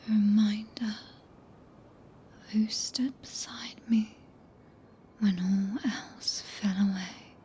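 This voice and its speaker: A British woman playing a regal, tender, possessive witch in a soft, breathy, intimate ASMR whisper close to the microphone. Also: medium pitch, a little hiss or hum. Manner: slow, solemn, intimate, deliberate pauses. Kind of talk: ASMR roleplay, archaic scripted speech. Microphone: close binaural ASMR microphone.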